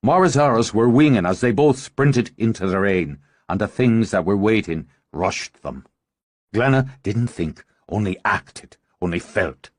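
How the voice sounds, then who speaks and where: Dramatic low-voiced male audiobook narrator. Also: unhurried, no room sound. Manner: dramatic, expressive.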